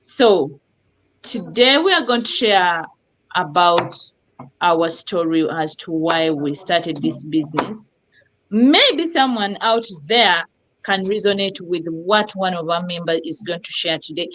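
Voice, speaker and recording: A middle-aged woman from Uganda hosting a live online talk show, lively and effusive, repeating words for emphasis. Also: on the low side, takes it slowly, a little hiss or hum, low-quality recording. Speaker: host.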